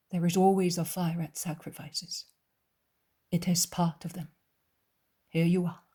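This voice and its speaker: Gentle, calm Jesus voiced by a woman, hushed and tender, slow and husky. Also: mid-range voice.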